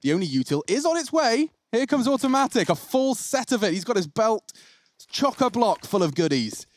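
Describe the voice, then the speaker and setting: A man's voice: very high voice, very animated, normal speed, no echo. A man calling esports action play by play, with colourful turns of phrase. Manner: colourful idioms, calls the action. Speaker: play-by-play caster. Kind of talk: play-by-play commentary.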